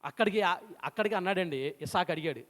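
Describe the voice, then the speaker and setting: High-voiced preacher in a reverberant hall. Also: male voice, lively intonation, fast. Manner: retells scripture with acted quotes and rhetorical questions. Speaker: pastor. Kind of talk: sermon storytelling.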